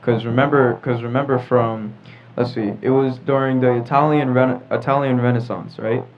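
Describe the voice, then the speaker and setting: A teenage boy hosts a podcast, steering a casual group discussion and explaining and prompting with frequent "right?" check-ins. His voice is medium-pitched and steady at a moderate pace, with soft music behind him on dull, lo-fi audio with background noise.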